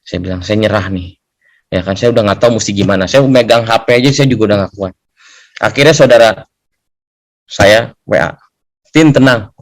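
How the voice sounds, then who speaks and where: A man's voice: fairly low pitch, fairly quick, long pauses. A young man telling a personal testimony in a conversational way, often adding a questioning tag to seek agreement. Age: young adult.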